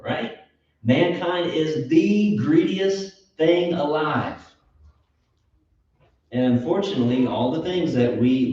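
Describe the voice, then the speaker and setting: A male preacher delivers an earnest, emphatic sermon and keeps putting questions to his listeners. His voice is dark and mellow. It comes from well back from the microphone in an echoing church hall, with a dull, muffled sound. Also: a little high. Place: church auditorium. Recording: echoey hall, distant mic, dull.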